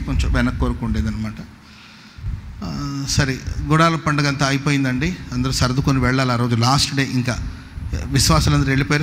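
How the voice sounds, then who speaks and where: A man's voice: mid-range voice, a bit bright, a little hiss or hum. A man in his forties, a Kannada native speaker, preaching a sermon as pastor, repeating phrases as he tells stories and calling the congregation to respond aloud. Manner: storytelling with many repeated phrases. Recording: long hall reverb, faint background ambience.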